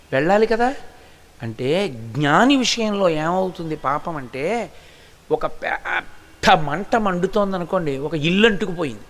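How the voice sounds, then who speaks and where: High-voiced man giving a devotional talk. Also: fairly bright tone. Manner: explanatory, storytelling teacher. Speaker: religious discourse speaker. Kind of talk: devotional discourse.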